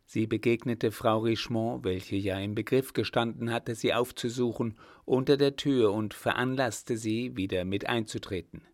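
A man narrating a novel with a measured, even delivery in a mid-range voice. The recording is close and dry, with no room sound. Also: mid-range voice, no room sound. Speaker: audiobook reader. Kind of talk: scripted narration.

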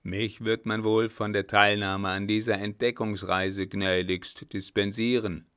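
A man's voice: lowish voice, level tone, a little slow, fairly bright tone, clear, resonant tone, dry recording, studio quality. A man reading an audiobook, voicing a captain who speaks in a mocking, sneering tone.

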